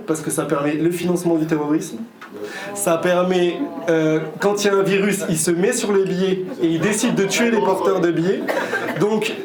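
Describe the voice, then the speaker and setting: Halting, sarcastic male lecturer in an echoey hall. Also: high-pitched, a little mellow. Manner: halting, with frequent "euh" and repeated words; sarcastic, ironic asides. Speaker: guest lecturer. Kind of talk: conference talk to a live audience. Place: conference hall. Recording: echoey hall, faint room noise.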